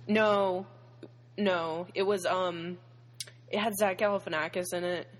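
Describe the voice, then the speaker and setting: A co-host in a casual chat about television, talking in an excitable, joking, chatty way. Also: medium pitch, rough recording. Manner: chatty, excitable, quick to joke.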